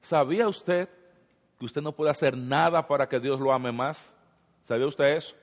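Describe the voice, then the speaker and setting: A man's voice: medium pitch, moderate pace. Male pastor preaching, lots of questions to the crowd, voice rings out in a big echoey hall. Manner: preaching with rhetorical questions and repetition. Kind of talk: sermon. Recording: long hall reverb.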